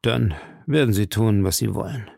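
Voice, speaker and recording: A man's voice: mid-range voice, moderate pace, vocal fry, a little mellow, no echo, studio quality, lightly acted. A man reading an audiobook, voicing an earnest young army officer who speaks firmly and dutifully. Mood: troubled.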